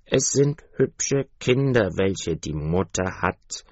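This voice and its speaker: A man voicing a haughty, grand old female duck in a storybook reading, slow, low and condescending, on a dull, dry recording. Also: lively intonation, dry recording, exaggerated voice.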